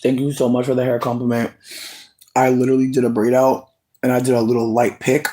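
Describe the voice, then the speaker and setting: A fast-talking livestreamer with a medium-pitched voice chats casually with viewers between bites of food. They're sassy, expressive, and swear constantly.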